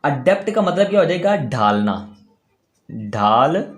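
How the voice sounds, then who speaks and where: A young man teaches vocabulary to students. His voice sits a little high and rises and falls a great deal. He poses his own questions, answers them, and repeats each word slowly so it sticks. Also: big pitch swings. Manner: repeats key words slowly. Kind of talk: classroom lesson.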